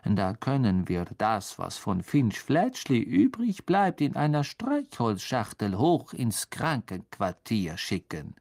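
A man's voice: medium pitch, very animated, slow pace, vocal fry, few pauses, a little mellow, no room sound, clean studio sound, full character voice. A man doing a cold, sneering male teacher.

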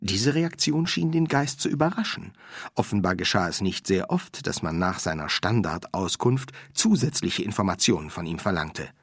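A man reading an audiobook aloud in a lively storytelling manner. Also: low-pitched, moderate pace, no echo, studio quality. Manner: lively storytelling, doing character voices. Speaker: audiobook reader. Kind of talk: scripted narration.

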